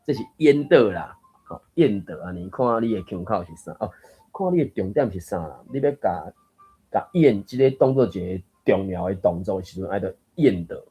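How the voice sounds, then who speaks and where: A man's voice: deep voice, animated, a little fast, warm tone, husky, soft background music. A man with a Taiwanese accent hosting a book reading group, explaining pronunciation in a chatty, digressive way and thinking aloud. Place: online reading room.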